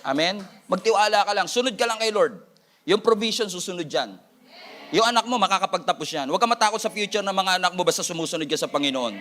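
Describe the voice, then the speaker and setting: Man, Filipino accent, pastor, energetic sermon, high voice, bright ringing tone. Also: quick pace, slight background noise. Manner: energetic preaching, switching between Filipino and English, playful asides.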